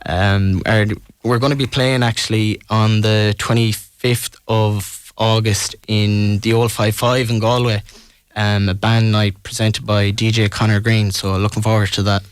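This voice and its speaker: A man's voice: fairly low pitch, level tone, a little slow, clear, resonant tone, dry recording. A man from Ireland with a west of Ireland accent, talking casually and tentatively as a musician in a radio interview.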